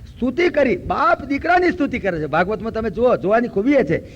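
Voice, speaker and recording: An older man from Gujarat giving a spiritual lecture, telling stories and slowly chanting verses. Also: very high-pitched, sing-song, slight background noise. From Gujarat, India. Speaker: preacher. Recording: dull lo-fi recording.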